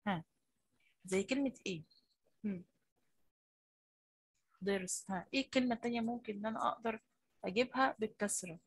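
A woman with an Egyptian Arabic accent, a primary school teacher coaxing and praising young pupils in an online class, her voice a little husky. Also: medium pitch, fast, pauses often, no echo.

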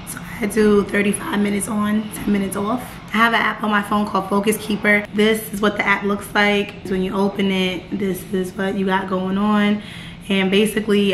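A young American woman with a hoarse, raspy smoker-like voice, chatting casually to camera in a vlog. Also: mid-range voice, a bit bright. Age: young adult. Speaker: vlogger. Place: bright open-plan apartment, indoors. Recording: roomy echo, clear background noise.

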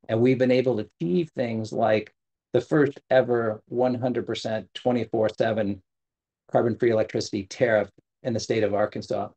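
A middle-aged government sustainability official delivers a prepared keynote over a video call from a webcam at his desk. His mid-range voice is warm, the recording muffled, and he speaks earnestly with frequent fillers and self-corrections.

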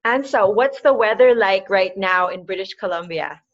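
Through slightly muffled laptop webcam audio, a Filipino webinar host in her forties chats casually on a video call from a dimly lit room at home. She laughs a lot, and her voice is medium in pitch at a moderate pace.

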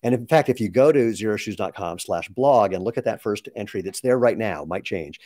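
A man's voice: lowish voice, animated, a little fast, dark tone, no echo. A man in his sixties chatting casually on a live question-and-answer stream, explaining with asides. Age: 60s. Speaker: company founder answering viewer questions.

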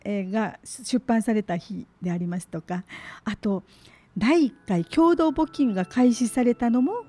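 There's no room sound on this higher-pitched voice of a middle-aged woman hosting live community radio. In a small studio, using a boom mic and headset headphones, she announces and interviews in a courteous, conversational manner while soft music plays faintly underneath.

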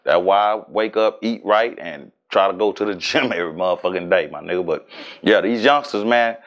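A man in his forties from Houston with a Southern accent, talking casually and profanely as an interview guest, animated and streetwise. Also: low-pitched, a little fast. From Houston, Texas. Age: 40s. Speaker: rapper and guest.

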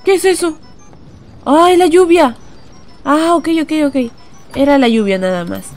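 A woman's voice: sits high, big pitch swings, moderate pace, a little mellow, soft background music. A young woman streaming a horror game, chatting nervously to viewers and breaking into frightened shrieks. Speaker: gaming streamer.

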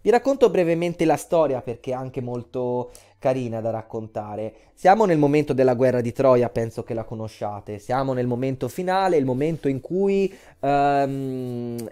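A woman teaching art history in a recorded lecture, telling the story in a lively way and speaking straight to her students. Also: sits low.

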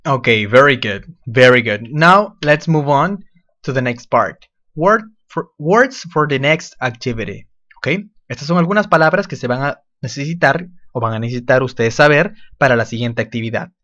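A man's voice: mid-range voice, lively intonation, fairly bright tone, no echo. Patient man teaching children, muffled audio. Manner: patient, repeats phrases slowly for children. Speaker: primary school English teacher. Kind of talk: recorded virtual lesson.

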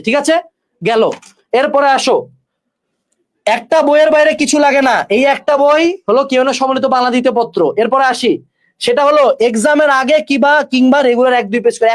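A man. He speaks to his students bluntly and jokingly, like a tutor who knows every trick. The pitch sits far above most men's, and the words tumble out quickly. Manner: brash, joking, talks straight to students. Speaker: exam-prep tutor. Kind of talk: energetic study-tips lesson with course promotion.

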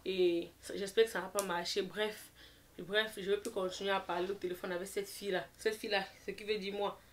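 A woman's voice: medium pitch, level tone, fairly quick, a little hiss or hum. A young woman telling a personal story in a casual storytime style, mixing English phrases in and leaning on fillers. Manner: chatty, mixes English phrases into French; leans on fillers like "genre" and "et tout et tout".

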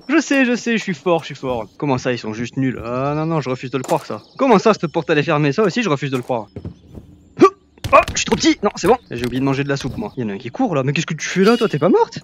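A man's voice: mid-range voice, lively intonation, quick pace, slight background noise. A young man giving casual, playful commentary while playing a VR game, teasing the characters he fights. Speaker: gaming YouTuber. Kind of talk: casual Let's Play commentary.

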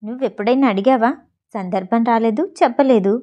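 A woman voicing a playful young man who teases and gets easily shocked, speaking a bit lower and softer than her narration. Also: brisk. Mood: exasperated. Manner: teasing, exasperated.

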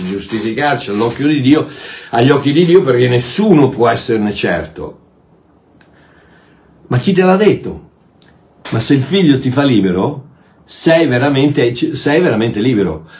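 A man delivers a sermon with emphatic force and keeps asking rhetorical questions. His voice sits at a middle pitch and jumps between loud bursts and soft, muttered asides. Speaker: preacher.

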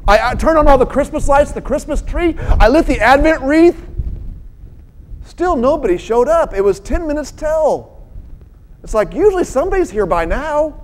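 A woman pastor giving a sermon, telling stories with an expressive, lively delivery. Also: sits high, normal speed, poor audio. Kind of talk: sermon with storytelling.

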